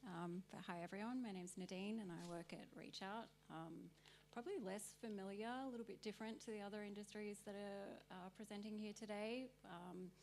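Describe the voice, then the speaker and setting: A woman's voice: mid-range voice, a little hiss or hum. A woman introducing herself on a conference panel, friendly and thoughtful, with many fillers. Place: conference stage.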